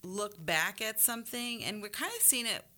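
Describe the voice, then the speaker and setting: A woman's voice: medium pitch, moderate pace, bright, forceful tone. A woman speaking as a discussion partner, explaining things reflectively in loose, conversational phrasing. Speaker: discussion guest or co-host.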